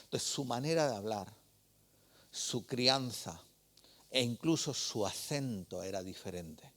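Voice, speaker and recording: A man's voice: medium pitch, expressive, a little slow, fairly bright tone. A man preaching a sermon, telling stories in a conversational way and asking the congregation rhetorical questions.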